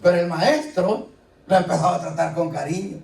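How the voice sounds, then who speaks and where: A man's voice: high voice, fairly even intonation, normal speed, vocal fry, darkish tone. Man preaching in an echoey church. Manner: conversational preaching with rhetorical questions to the congregation. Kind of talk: sermon. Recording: echoey hall, voice from a distance. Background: faint ambience, congregation responses.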